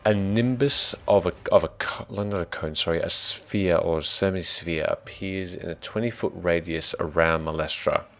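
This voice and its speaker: Gravelly deep Australian dungeon master. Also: male voice, normal speed, few pauses. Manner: thinks out loud, mutters to himself while setting up. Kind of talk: narrating a tabletop game.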